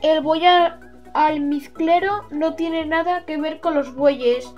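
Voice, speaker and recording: A woman's voice: sits high, fairly even intonation, slow pace, dull audio. A woman hosting a toy unboxing for children in an enthusiastic, sing-song manner. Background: music.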